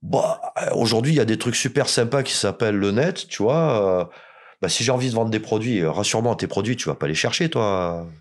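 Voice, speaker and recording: A man's voice: on the low side, expressive, a little fast. A man from France, a podcast guest, telling stories in casual chat, blunt and joking with plenty of swearing.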